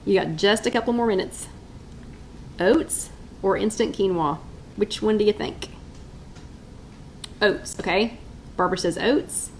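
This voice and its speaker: A woman's voice: mid-range voice, a little slow, pauses often, a little hiss or hum, poor audio. A middle-aged woman hosting a casual live stream from her kitchen, chatting and reading viewers' votes aloud. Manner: chatty, upbeat, reads out viewer names and votes. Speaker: host of a live weight-loss chat.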